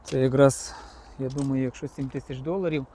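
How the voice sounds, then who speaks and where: Mellow-voiced man touring a car lot. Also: mid-range voice, steady tone, brisk, a little hiss or hum. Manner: chatty, addresses viewers directly as friends. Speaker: car-market vlogger. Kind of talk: casual on-the-spot car inspection vlog. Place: outdoor used-car market.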